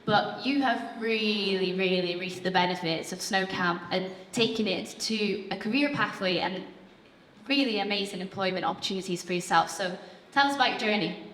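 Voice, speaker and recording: A woman presents on stage in an encouraging way. Her voice is bright, medium in pitch, and echoes around a slightly noisy hall. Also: normal speed. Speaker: programme staff member hosting on stage. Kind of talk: live stage introduction. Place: large event hall, on stage. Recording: echoey hall, background noise.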